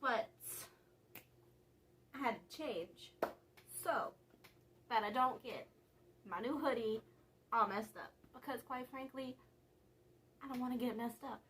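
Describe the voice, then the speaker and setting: A woman's voice: on the high side, measured pace, long pauses, fairly bright tone, a little hiss or hum. A young woman vlogger chatting casually and rambling a little, with laughs between thoughts. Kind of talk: casual vlog chat.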